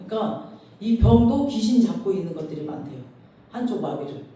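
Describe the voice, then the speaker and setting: Woman preaching in a booming echoey hall. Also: animated, a little fast, mellow, a little hiss or hum. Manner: storytelling, acts out quoted voices, informal asides. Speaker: pastor. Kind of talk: sermon. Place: church sanctuary. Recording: very echoey hall, far from mic.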